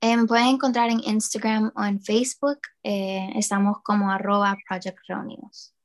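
This is a casual interview with a young adult woman from New Orleans, USA, a guest who is a student and founder of a project. She talks at a normal speed in a medium-pitched, level voice, hesitating with fillers and starting over at times.

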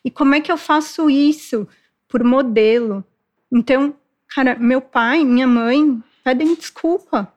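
Higher-voiced woman explaining parenting. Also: unhurried, darkish tone. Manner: explanatory, acts out parents' lines. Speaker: child development specialist. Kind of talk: podcast conversation.

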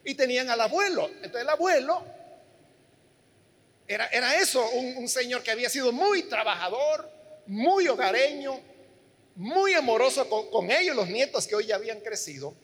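Male preacher, very high and forceful voice, earnest sermon in a reverberant hall. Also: very animated, moderate pace. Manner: earnest storytelling, addressing listeners directly.

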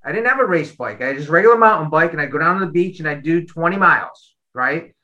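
Guy with a real sharp bright voice, tells his story all animated. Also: a little high, fast talker, highs cut off. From Boston. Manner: animated storyteller, repeats words. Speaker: guest athlete. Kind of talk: casual storytelling interview.

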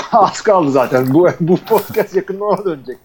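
A man's voice: high-pitched, expressive, moderate pace. A man co-hosting a podcast in a casual, rambling chat full of fillers, heard over a phone line. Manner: loose, rambling talk with many fillers. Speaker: podcast co-host.

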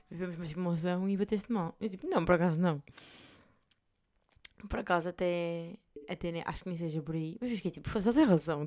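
A woman's voice: fairly low pitch, mellow, no echo, studio quality. A young adult woman with a European Portuguese accent, telling a rambling story on her podcast, with lots of fillers and casual swearing. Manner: chatty, rambling, heavy filler words and swearing. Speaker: podcast host.

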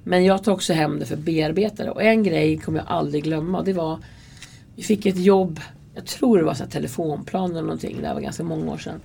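With slight background noise, a low, gravelly, warm-voiced woman speaks as an interview guest. She's a subway security worker sharing stories conversationally, earnest and candid, voicing the dialogue she quotes.

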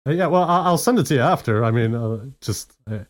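A man's voice: mid-range voice, animated, fast. Joking man in casual chat. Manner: playful, laughs often, rambling storyteller. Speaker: podcast co-host.

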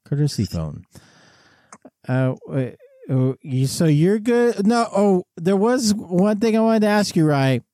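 A man's voice: sits high, sing-song, unhurried, warm tone, no echo, clean studio sound. A man hosting a casual podcast chat, calling in over a payphone line from an airport. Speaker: podcast host.

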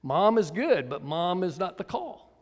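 A high-pitched older man in his seventies delivers a sermon in a church, with folksy humor and little chuckles. He keeps calling on the congregation to answer back. His voice rings out with a long reverb through the sanctuary. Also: sing-song, measured pace. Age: 70s. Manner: folksy, chuckling asides, calls for congregation response. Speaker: pastor.

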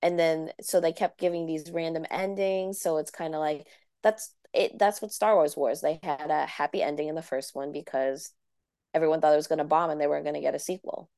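A woman co-hosting a movie podcast in casual chat, animated and full of fillers, sometimes humming tunes. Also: sits low, brisk, no room sound, clean studio sound. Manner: animated, filler-heavy, hums melodies. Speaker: podcast co-host.

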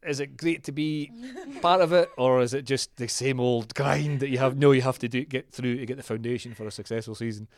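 A man's voice: mid-range voice, steady tone, fairly quick, hardly any pauses, no room sound, clean studio sound. A middle-aged Scottish man hosting a podcast, chatty and teasing, asking question after question. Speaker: podcast host. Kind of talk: casual chat.

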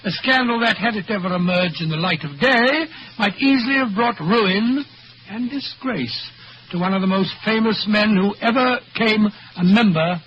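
A man's voice: high voice, normal speed, fairly bright tone. An actor playing an elderly, genial British doctor telling his memories in an old-fashioned, avuncular 1940s radio style. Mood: grave reminiscing. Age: older. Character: elderly, genial, lonely English doctor reminiscing. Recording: dull, hissy 1940s radio recording.

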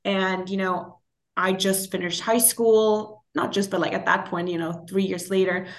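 A woman in her twenties, by birth, tells her story in relaxed conversation. She laughs easily and often restarts her sentences, filling gaps with small hesitations. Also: medium pitch, a little slow. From Germany (Berlin). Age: 20s. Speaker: guest, interior designer. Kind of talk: casual interview conversation.

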